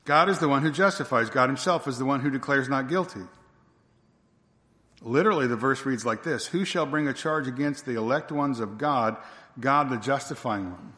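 A male preacher delivers a sermon in an emphatic style, hammering home rhetorical questions again and again. His voice sits at an ordinary middle pitch, and it rings out with the long reverb of a big church hall. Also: fairly quick, pushed and bright.

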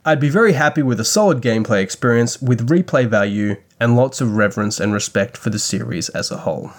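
A man's voice: medium pitch, expressive, fairly quick. A man hosting a podcast, reading scripted news commentary with dry, wry asides. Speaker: podcast host.

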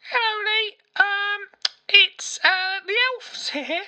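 A man voicing a busy Christmas elf who leaves a hurried, hesitant voicemail message. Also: very high-pitched, sharp tone, pitched above the performer's own voice, exaggerated voice. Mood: flustered. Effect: leaving a voicemail.

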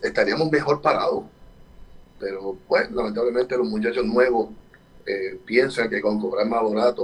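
A man talks in a relaxed interview as a photographer who teaches workshops. He drives his points home by repeating them and leans on frequent fillers, his voice sitting at an ordinary middle pitch. He sounds a little distant from the microphone. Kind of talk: casual interview talk.

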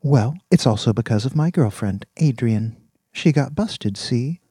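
In a clean, echo-free studio recording with the level pushed up, a man voices an eager, naive young male college student for an audiobook. His medium-pitched voice is warm, slightly rough, expressive and a little slow as the character chats away in casual slang.

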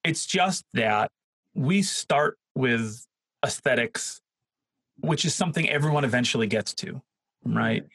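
A man talking theology in a casual academic conversation, often hunting for names and words, animated and laughing at times. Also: mid-range voice, unhurried, gravelly, husky, no echo, poor audio.

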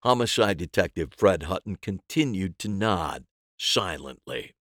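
A man's voice: deep voice, lively intonation, a little slow, a bit bright, dry recording, studio quality. A man narrating a scripted mystery story in the first person. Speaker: audiobook narrator.

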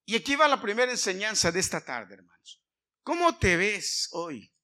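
A male pastor preaching a sermon to his congregation. He asks the listeners questions and swings from loud emphatic lines to quiet asides. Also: high-pitched, sing-song, moderate pace. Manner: asks the congregation questions, sings snatches of a hymn.

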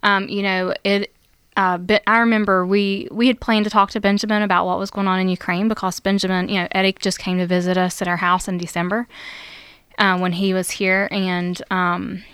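A woman and mother in casual church conversation, talking earnestly and thoughtfully with many pauses and fillers, close to a studio mic. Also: mid-range voice, flat delivery, a bit bright, clear, resonant tone, no room sound. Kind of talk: casual church podcast chat.

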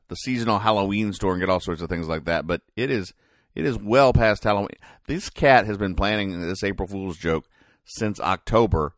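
In a dry, close recording with hardly any room sound, a podcast host with a deep voice recaps a comic strip casually. His explanations are deadpan and mock-serious, broken up by pauses and hesitations.

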